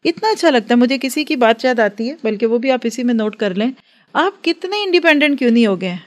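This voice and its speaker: A woman's voice: on the high side, expressive, quick pace. A woman giving an earnest religious lecture to a class, advising and acting out everyday dialogues. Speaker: religious teacher.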